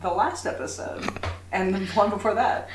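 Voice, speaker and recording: A woman's voice: medium pitch, moderate pace. A woman co-hosting a podcast in casual, gushing chat, her voice sounding tinny, like talking through a tin can. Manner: gushing, chatty, laughs easily. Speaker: podcast co-host. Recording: tinny, echoey home recording with faint hiss.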